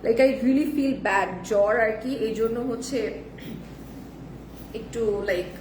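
Hoarse woman host, chatty live seller, high voice, recorded from a distance with noise behind. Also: a little slow, reverberant. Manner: chatty, reads viewer comments, mixes in English. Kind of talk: live-stream saree selling.

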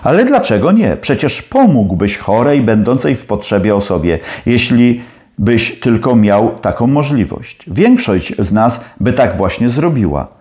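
A man's voice: mid-range voice, sing-song, a little slow, a little mellow. A man playing a stern older professor who presses his questions in a challenging, probing way.

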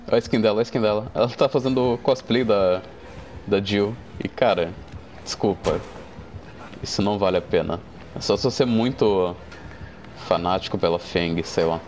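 A young man with a Brazilian Portuguese accent, casually commenting on his gameplay, excitable and joking, a bit groggy from medication. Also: on the low side, slight background noise. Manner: excitable, yelps and jokes at the game. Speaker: gameplay streamer.

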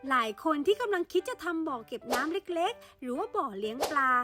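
A woman's voice: very high voice, sing-song, a little fast, over music. A woman narrating a how-to video in a polite, instructive, step-by-step voice-over.

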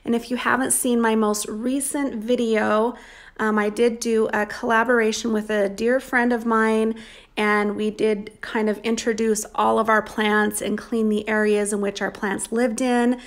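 A woman's voice: fairly high pitch, level tone, unhurried. A woman in her thirties narrating a casual home vlog, chatty and upbeat with frequent ums. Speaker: vlogger.

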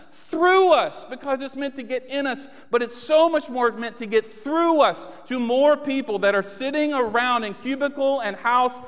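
Extremely high-pitched, with a fairly bright and clean tone, a man in his thirties gives a fervent sermon on a church stage, mic in hand, climbing to emphatic appeals. Long reverb fills the hall.

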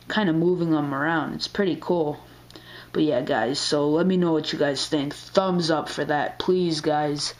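Man with a sore, strained throat, slow and easygoing, talking loosely with plenty of fillers into a handheld camera. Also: a little high. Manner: laid-back, rambling, full of fillers and slang. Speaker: aquarium hobbyist vlogger. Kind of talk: casual video update.

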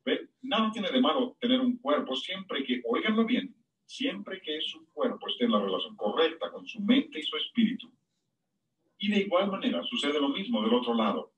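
A man preaches a sermon, his voice leaping up in pitch on the words he stresses. He sounds lively and expressive. He is set back from the mic, so the church room is heard around him. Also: distant mic, highs cut off. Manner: animated preaching with sudden high-pitched emphasis.

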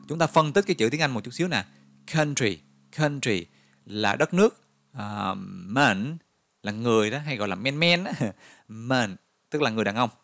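A man teaches English vocabulary in a recorded lesson. He spins vivid memory stories in a lively, coaxing way, pitched at a middle range. Faint music plays underneath. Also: dry recording. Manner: lively, storytelling, coaxing with questions.

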